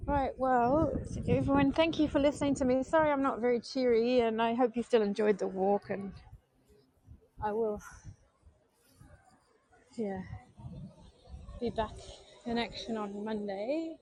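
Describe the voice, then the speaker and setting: Strolling outdoors through a city at night, a woman with a New Zealand accent chats to her live-stream audience, subdued and disappointed. Her slightly high voice has a dark tone, a somewhat slow pace and frequent pauses, captured in a dry, low-quality recording.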